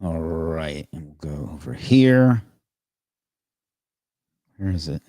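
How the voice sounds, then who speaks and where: Low-voiced man hosting a casual livestream. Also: expressive, slow pace, mellow, no echo. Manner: chatty, rambling, reads out viewer comments. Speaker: livestream host. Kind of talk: casual live stream chat.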